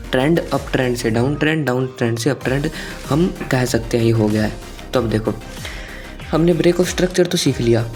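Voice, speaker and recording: A man's voice: mid-range voice, darkish tone. Man teaching chart reading, repetitive. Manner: conversational, asks viewers questions, repeats phrases. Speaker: trading teacher. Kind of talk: screen-share chart lecture.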